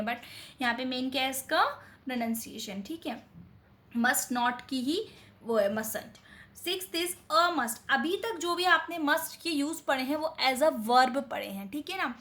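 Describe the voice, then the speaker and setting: A woman with an Indian accent teaching a grammar lesson, who reads out English examples slowly and keeps checking that her students are following. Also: sits high, fairly bright tone. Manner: explains slowly, reading English examples carefully, then adding quick Hindi asides; keeps checking in with "theek hai?". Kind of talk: explanatory lesson.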